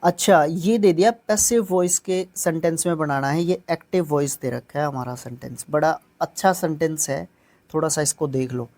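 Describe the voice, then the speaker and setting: A male teacher with a warm, mellow tone runs an exam-prep grammar lesson. He explains each step plainly and keeps checking that his students are following. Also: a little high, normal speed.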